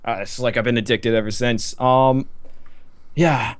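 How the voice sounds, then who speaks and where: A man's voice: medium pitch, fairly even intonation, a little slow, no echo. A young man on a casual gaming podcast, rambling and laughing, with lots of fillers and restarts. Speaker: podcast co-host. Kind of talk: casual chat.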